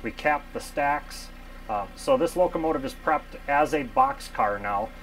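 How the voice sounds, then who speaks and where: A man's voice: on the high side, animated, measured pace, a bit bright, soft background music, poor audio. A man in his thirties, a locomotive mechanic, explaining repair work in a casual technical way with frequent ums, recorded on a lapel mic in a machine shop. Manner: matter-of-fact, technical, with frequent ums and uhs.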